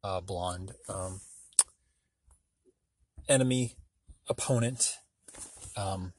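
This podcast host's voice is low and darkish, with drawn-out words and a faint hiss or hum behind it. Talking alone and casually, he wanders between ideas and leans heavily on fillers. He comes across as offhand and pokes fun at himself.

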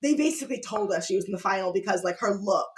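Woman podcast co-host, stuffy nose, chatty and rambling, mid-pitched. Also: fast talker. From Michigan. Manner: rambling, animated, many fillers. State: congested, sniffling. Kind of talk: casual chat recap.

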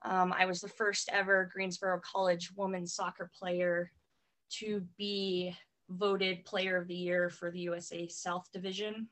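Woman soccer coach guest, low flat delivery, steady and matter-of-fact. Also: unhurried. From Connecticut, US East Coast. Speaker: soccer coach and private trainer, podcast guest. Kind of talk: casual interview chat.

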